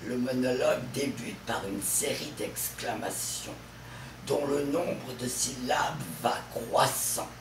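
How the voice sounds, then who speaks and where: A man giving a lecture on French verse with an expressive, theatrical delivery. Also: medium pitch, slow pace, background noise. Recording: distant mic in an echoey room.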